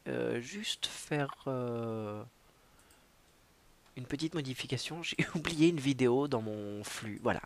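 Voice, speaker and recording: Guy hosting a livestream alone at home, gravelly, rambly, voice jumps around a lot. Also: medium pitch. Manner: rambling, self-mocking, stammering restarts; drops in playful mock English. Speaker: livestream host. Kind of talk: casual solo livestream chat.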